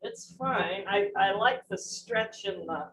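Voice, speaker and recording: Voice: medium pitch, takes it slowly, a bit bright, low-quality recording. A training client chatting and joking while asking questions during a workout. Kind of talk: casual chat during a workout.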